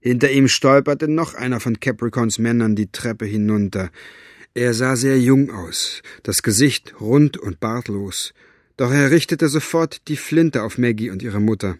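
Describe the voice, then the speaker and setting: A man's voice: medium pitch, measured pace, dry recording, studio quality. A man reading a novel aloud as audiobook narrator, with dramatic storytelling. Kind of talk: scripted narration.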